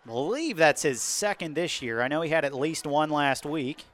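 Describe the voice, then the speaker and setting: Casting: male American football announcer, forceful bright tone, higher-set voice, live commentary. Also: lively intonation, moderate pace.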